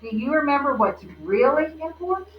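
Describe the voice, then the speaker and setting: A woman voicing a kind, wise grandpa in a children's storybook, gentle and encouraging. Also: high-pitched, animated, normal speed, pitched above the performer's own voice. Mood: reassuring. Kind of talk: children's storybook read-aloud. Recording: roomy, distant, muffled, faint noise.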